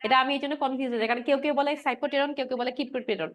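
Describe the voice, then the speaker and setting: A high-pitched woman lecturer races through a pharmacology class. She keeps asking the room questions, then answers them herself and repeats each point with a quick "right?". English drug and anatomy terms run all through her talk. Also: steady tone, a bit bright, muffled recording. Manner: mixes English medical terms into her speech. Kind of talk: explanatory lecture with quiz questions.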